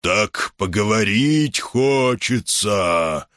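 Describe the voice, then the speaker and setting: A man voicing a huge, slow-witted, plaintive pancake-shaped monster that speaks in a slow, howling, drawn-out bleat. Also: lowish voice, animated, fairly bright tone, no echo, studio quality, heavily acted.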